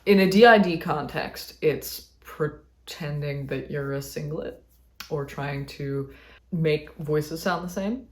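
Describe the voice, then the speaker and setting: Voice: mid-range voice, slow. An interviewee talking in a chatty, digressive and wry way. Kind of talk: personal reflection.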